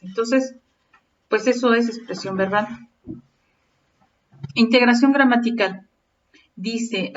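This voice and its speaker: A woman lecturing teacher trainees in an explanatory way, with frequent fillers and restarts. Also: fairly high pitch. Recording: distant muffled mic with faint ambient noise.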